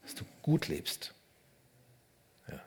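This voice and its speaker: A man preaching a sermon in short phrases, speaking straight to the listener and swinging between loud emphasis and hushed, almost whispered lines. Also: takes it slowly. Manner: addresses the listener directly and personally. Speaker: pastor.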